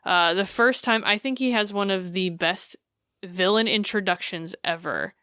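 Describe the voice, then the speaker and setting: A woman co-hosting a podcast, recounting a game scene in casual chat, animated and full of fillers. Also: mid-range voice, moderate pace, clear, resonant tone, no room sound, studio quality. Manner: animated storytelling with many fillers. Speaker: podcast co-host.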